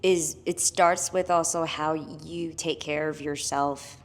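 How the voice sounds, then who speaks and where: Upbeat woman singer, lowish voice. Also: slow pace. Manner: upbeat, animated, laughs often. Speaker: guest, professional singer. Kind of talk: casual interview chat.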